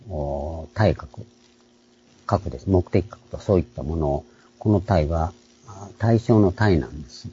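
Husky, very dark-voiced man teaching Bible lessons. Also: sits low, lo-fi sound. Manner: unhurried explaining, frequent throat clearing. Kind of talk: online Bible lecture.

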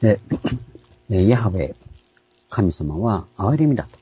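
A man, a pastor, giving a calm, explanatory sermon with frequent pauses and fillers. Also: on the low side, husky, no echo, muffled recording. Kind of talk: sermon on scripture names.

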